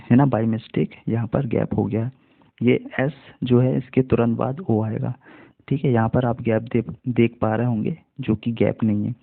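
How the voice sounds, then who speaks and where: Man, Hindi accent, English reading teacher, spells every word letter by letter, very slow pace, thin phone-like audio. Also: medium pitch, dry recording. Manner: reads each word, spells it letter by letter, then repeats it. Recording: dry, tinny phone-like sound.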